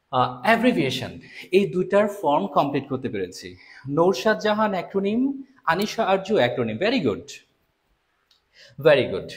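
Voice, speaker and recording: Brief: young male tutor, Bangladeshi accent, high and very animated delivery, drills points by repetition. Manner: lively, repeats key points, chats with students by name. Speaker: admission test tutor. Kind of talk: live online class.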